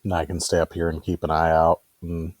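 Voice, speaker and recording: A man playing a tabletop game over a call, relaxed and quick to laugh. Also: low-pitched, dry recording. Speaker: player. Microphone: remote call microphone.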